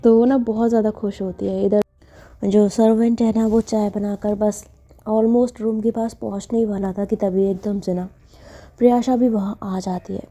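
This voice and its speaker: A woman's voice: medium pitch, little pitch movement, moderate pace, mellow. A woman telling a story in a casual, chatty narration with many filler phrases. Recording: dull lo-fi with faint music.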